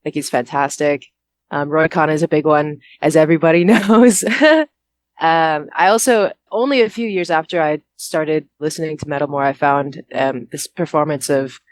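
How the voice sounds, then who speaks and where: A woman's voice: sits low, steady tone, normal speed. A young American woman, a musician and vocalist, chatting informally and with self-deprecation as she is interviewed on a call. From Houston, Texas, United States. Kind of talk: casual interview chat. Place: on a bus, speaking on a call.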